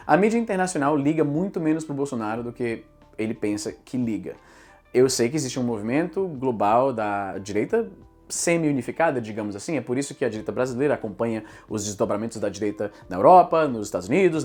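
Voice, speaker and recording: A man's voice: medium pitch, a little mellow. Brazilian man explaining English usage. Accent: Brazilian Portuguese. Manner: explains patiently with worked examples. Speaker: English teacher and YouTuber. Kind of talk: explanatory commentary.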